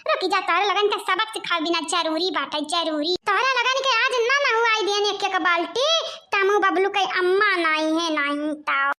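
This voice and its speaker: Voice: very high-pitched, animated, a little fast, pushed and bright, exaggerated voice. A performer voicing a stern village mother in a cartoon, scolding and lecturing in an Awadhi accent. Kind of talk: cartoon voice acting. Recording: heavy background noise.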